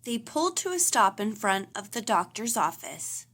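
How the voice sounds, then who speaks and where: A woman reads a children's storybook aloud, narrating expressively at a normal speed. Her mid-range voice has a husky quality.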